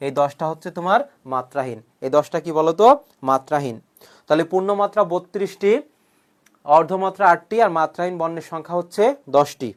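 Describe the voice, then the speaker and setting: A male coaching teacher giving an online grammar lecture, drilling students with repeated questions and answers, joking with threats and often clearing his throat. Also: a little high, brisk. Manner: jokingly threatens students who have not shared the class.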